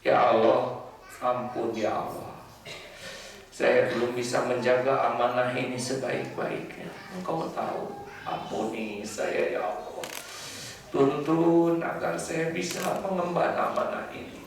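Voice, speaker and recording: A man voicing a quiet father who prays and whispers to his child in a hushed, pleading tone, heard from far off in an echoey hall. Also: medium pitch, unhurried, natural voice.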